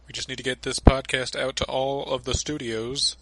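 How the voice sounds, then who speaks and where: A man's voice: medium pitch, flat delivery, moderate pace, vocal fry, fairly bright tone, no echo, rough recording. A man co-hosting a podcast, chatting casually and tossing in dry jokes. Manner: dry, joking interjections. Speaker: podcast co-host. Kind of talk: casual chat.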